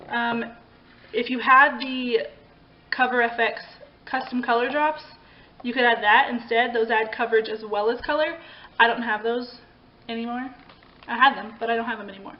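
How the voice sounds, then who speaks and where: A woman's voice: a little high, fairly even intonation, normal speed. A young woman chatting casually through a makeup tutorial, rambling with frequent ums and restarts. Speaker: beauty vlogger. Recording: slightly dull home recording with faint background hiss.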